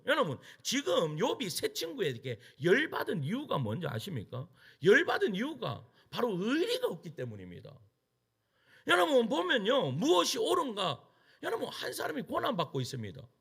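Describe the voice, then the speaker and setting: A middle-aged male pastor preaches in a high voice that leaps wildly up and down. His tone is gravelly and husky. He keeps throwing rhetorical questions at the congregation and answering them himself. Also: sharp tone. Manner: emphatic preaching with rhetorical questions and call-and-response. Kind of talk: sermon.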